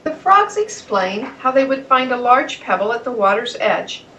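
A woman reading a children's storybook aloud in a plain, steady way. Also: a little high, moderate pace, far from the mic, lo-fi sound, a little hiss or hum. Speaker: narrator.

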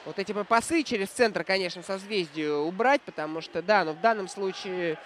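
A man commentating live on ice hockey, reflective and analytical, often pausing mid-sentence to find his words. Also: high voice, background noise.

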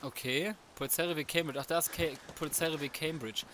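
A man's voice: on the high side, fairly even intonation, quick pace, bright, forceful tone, slight background noise. A man giving casual, slangy, cocky let's play commentary, often muttering to himself. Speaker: let's player. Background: video game music and sounds.

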